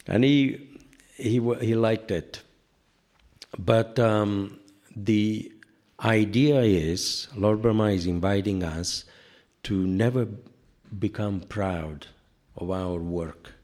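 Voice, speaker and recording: An older man with a deep, low voice teaches a relaxed spiritual class. He wanders through stories, filling his talk with "you know" and chuckling at his own self-mocking jokes. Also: takes it slowly, long pauses. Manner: rambling, anecdotal, many "you know" asides; self-deprecating humor, laughs at own jokes. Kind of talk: informal scripture class sermon.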